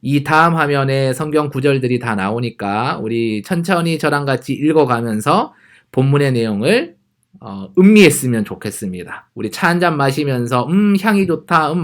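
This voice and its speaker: A man teaching a youth church Bible lesson, explaining the passage in a friendly, animated way. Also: mid-range voice.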